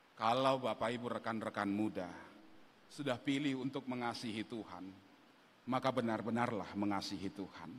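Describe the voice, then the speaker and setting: A man's voice: medium pitch, bright, forceful tone. A man preaching a sermon as pastor, telling stories with animation and building to emphatic exhortation. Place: large church. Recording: reverberant church hall.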